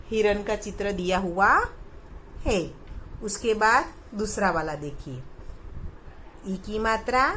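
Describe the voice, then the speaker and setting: A woman's voice: medium pitch, slight background noise, low-quality recording. A woman teaching a recorded primary school lesson, patiently asking questions and answering them herself for the children.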